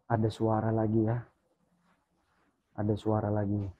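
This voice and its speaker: A man hosting a ghost-hunting video, speaking in a hushed, alert way and calling out greetings to spirits. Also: lowish voice, monotone, unhurried, phone-quality sound, background noise. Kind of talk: live paranormal investigation commentary.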